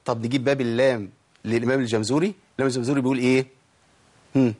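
A man's voice: mid-range voice, steady tone, rapid-fire, darkish tone, breathy edge. A man with an Egyptian Arabic accent teaching Quran recitation to students. He keeps quizzing them with rhetorical questions and demonstrates the sounds himself. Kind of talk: spoken lesson to students.

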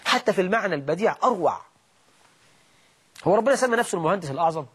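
A man's voice: high voice, lively intonation, racing, a bit bright, breathy edge. A man with an Egyptian Arabic accent preaching a religious lesson, emphatic and full of rhetorical questions that repeat and mock the errors he corrects.

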